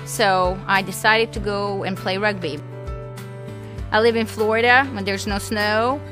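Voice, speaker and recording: A woman's voice: mid-range voice, fairly even intonation, unhurried, over music. Woman, 20s, chatty interviewee with a mid-range voice. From Serbia. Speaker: interviewee, aspiring skeleton athlete. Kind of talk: casual interview talk.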